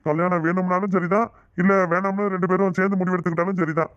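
A solemn older cartoon astrologer, voiced by a man, high-pitched for a man and quick in his delivery. He speaks with grave authority, and the recording is dry and dull. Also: flat delivery, fairly bright tone, clean tone, no echo. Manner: solemn, advisory.

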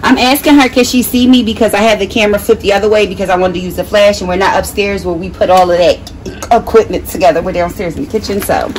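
Speaking quickly in a steady, mid-range voice, this mother and vlogger casually narrates her grocery haul indoors in the kitchen. A camera mic placed a short way off captures her, giving a distant, noticeably noisy home recording.

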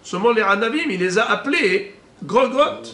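A man, a rabbi, teaching a Talmud lesson, slowly reading out Hebrew and Aramaic terms and explaining each one. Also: high voice, expressive, sharp tone. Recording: echoey room with faint ambient noise.

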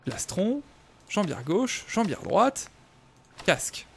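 A young man streaming a game live, chatting away as he sorts through his gear and answers his viewers. His voice sits a little high and swings up and down a lot as he talks, easy and casual throughout. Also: big pitch swings, slow pace, husky. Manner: chatty, thinks aloud, talks to chat viewers. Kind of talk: casual live gameplay commentary.

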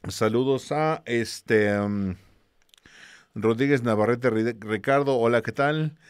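A man's voice: mid-range voice, takes it slowly, clear, resonant tone, dry recording, clean studio sound. A man with a Mexican accent, a teacher casually greeting students and reading their messages aloud in a slangy, easygoing way. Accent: Mexican Spanish.

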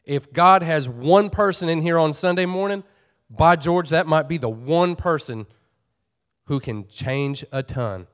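A man's voice: on the high side, unhurried, fairly bright tone. A pastor preaching a sermon to his church, earnest and folksy, often repeating and restarting his phrases.

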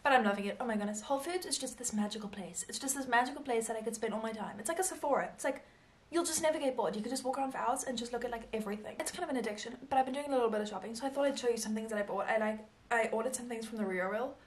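Talking to a small handheld camera, a young South African woman vlogs in a bubbly, gushing style. Her voice is fairly high and rapid-fire, and her casual chat is full of fillers.

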